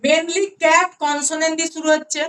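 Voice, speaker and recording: With little pitch movement, a high and slightly bright voice, and a Bengali accent, this woman tutors English grammar online. She explains patiently, repeating key words slowly and checking often on her students' understanding.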